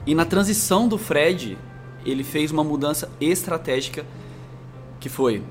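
A man's voice: a little high, normal speed, soft background music. A man from Minas Gerais, raised in interior São Paulo, with a caipira R in his accent, talking as a marketing executive guest in long, flowing anecdotes. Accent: interior São Paulo, rolled caipira R. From Brazil, Minas Gerais, raised in interior São Paulo. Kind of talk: conversational storytelling.

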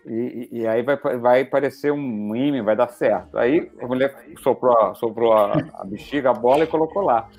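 A male comedian telling a dirty joke in a halting, restarting way. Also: medium pitch, darkish tone. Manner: halting storyteller, many restarts. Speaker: comedian guest.

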